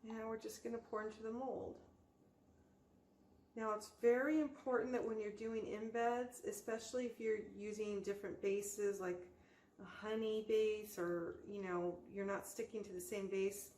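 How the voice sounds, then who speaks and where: A woman's voice: medium pitch, fairly even intonation, moderate pace, darkish tone. Woman giving a casual craft tutorial, roomy echo. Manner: informal, explaining step by step as she works. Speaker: host of a soap-making tutorial channel. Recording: roomy echo, faint background noise.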